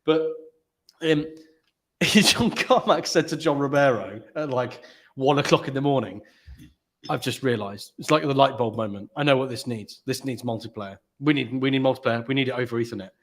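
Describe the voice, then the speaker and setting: A British man co-hosting a casual tech podcast. He tells stories in a rambling, chatty way and laughs often. His voice sits at an ordinary middle pitch. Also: normal speed. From Britain. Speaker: podcast co-host. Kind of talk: casual chat.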